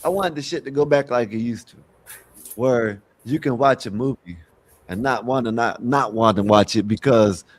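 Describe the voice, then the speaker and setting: A man's voice: medium pitch, normal speed, no echo. Laid-back man with emphatic opinions. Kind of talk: casual opinion talk.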